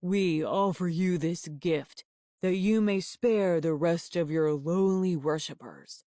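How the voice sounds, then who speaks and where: A woman voicing a short, bumpy-faced male village priest chanting a slow, solemn offering in a storybook reading. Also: fairly low pitch, mellow, no room sound, clean studio sound.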